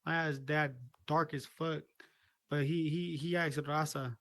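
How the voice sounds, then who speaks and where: A man's voice: fairly high pitch, steady tone, a little slow, a bit bright, dry recording. An American man chatting casually, slangy and profane, repeating himself as he goes. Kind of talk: casual chat.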